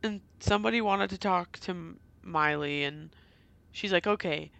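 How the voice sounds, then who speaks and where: A podcast co-host chatting casually about a movie, with quick giggles and fillers. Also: mid-range voice, gravelly, sharp tone, dry recording, muffled recording. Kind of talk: casual movie recap chat.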